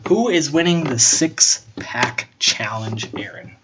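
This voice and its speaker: A young man hosting a casual wrestling chat, opinionated and animated, swearing casually as he makes his picks. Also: medium pitch, takes it slowly, background noise. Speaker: podcast host.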